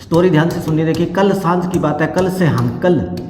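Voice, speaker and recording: A man teaching an exam-prep lesson. He repeats a memory-trick story slowly and explains each word. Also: on the high side, dark tone, soft background music. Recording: echoey room with long reverb.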